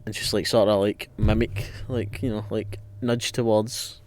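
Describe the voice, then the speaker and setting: A man's voice: fairly low pitch, flat delivery, measured pace, darkish tone. A man playing a tabletop game, rambling with many fillers and jokes. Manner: rambling, filler-heavy, jokey. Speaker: player. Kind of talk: casual in-character storytelling in a tabletop game.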